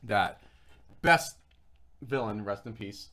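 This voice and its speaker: Chatty low-voiced man eating on a livestream. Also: lively intonation, takes it slowly, fairly bright tone. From Florida. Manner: rambling, chatty, talks while eating. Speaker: show host. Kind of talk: casual livestream chat.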